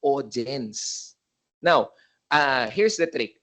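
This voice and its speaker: A man's voice: medium pitch, drawn-out words, fairly bright tone. A man with a Filipino accent giving a seminar on event hosting into a handheld mic, mixing languages, with many tag questions and live demonstrations of voice technique. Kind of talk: Taglish lecture. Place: seminar room with live audience. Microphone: handheld microphone.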